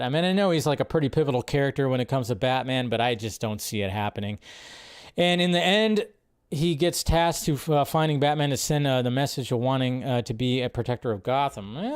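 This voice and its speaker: Reading viewer questions aloud and tossing off casual answers, a man hosts a laid-back film news livestream, rambling with many fillers and restarts. His voice is mid-range, clean, and fairly quick.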